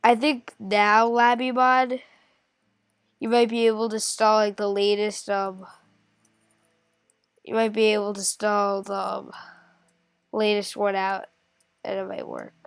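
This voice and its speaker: A woman's voice: mid-range voice, level tone, gravelly, clean tone, dry recording. A woman with a stuffy nose from a cold, thinking aloud and correcting herself as she walks through a casual game tutorial. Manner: thinks aloud, hesitant, many pauses and self-corrections. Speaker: gaming tutorial creator. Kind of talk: casual screen-recorded game walkthrough.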